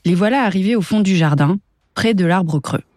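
A woman narrating a children's story in a lively storytelling voice. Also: on the low side, normal speed, no room sound, clean studio sound.

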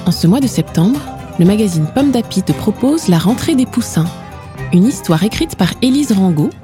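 A woman reading a children's story aloud in a lively, expressive way. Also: medium pitch, moderate pace, over music.

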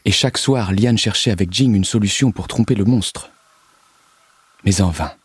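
A man calmly reading a children's story aloud in a measured, scripted narration. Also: lowish voice, slightly rough, no echo.

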